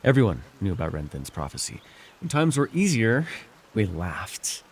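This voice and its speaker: A voice actor plays a scheming, weary villain lord in an immersive fantasy ASMR roleplay, wry, confiding, and persuasive. He performs theatrically in a lowish, sing-song voice with a slight hiss or hum, using halting, musing pauses and sighs.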